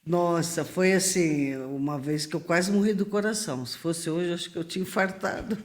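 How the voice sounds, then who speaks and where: A middle-aged woman from Brazil tells her stories as a podcast guest. She talks in a lively, animated way, acting out the voices of the people she quotes and often laughing. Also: fairly low pitch, normal speed. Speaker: guest missionary. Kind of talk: lively storytelling in a podcast interview.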